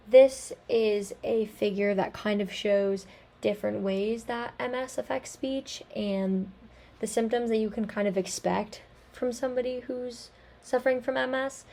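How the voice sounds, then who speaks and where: Young woman, student presenter, casual with fillers, gravelly voice, mellow tone. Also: medium pitch. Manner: casual, with frequent ums and likes. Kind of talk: class presentation.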